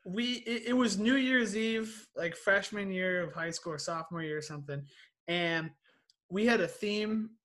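Young male co-host, high bright voice, lively rambling storyteller. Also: normal speed. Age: young adult. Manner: animated storyteller, says bro and like a lot. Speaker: podcast co-host. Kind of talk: casual chat.

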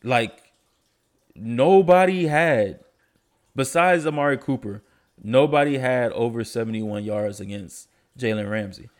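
A young podcast host with a mid-range voice speaks a little slowly, stuffy from allergies. His sports talk is laid-back and slangy, and he gets enthusiastic about stats.

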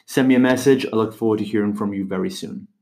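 Upbeat man from the UK. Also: on the low side. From United Kingdom. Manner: energetic, upbeat, quick answers. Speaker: guest, fitness business mentor. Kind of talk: podcast interview.

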